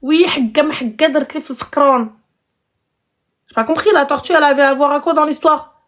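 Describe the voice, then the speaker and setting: A woman hosting a live stream, giving blunt advice in an animated, mocking tone full of rhetorical questions. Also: high-pitched, rapid-fire. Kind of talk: casual live stream chat.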